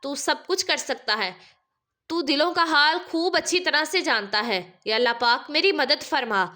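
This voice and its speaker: A woman's voice: high voice, animated, sharp tone. A woman voicing a devout young mother who prays through tears, pleading and desperate. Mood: tearful pleading. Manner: tearful pleading prayer.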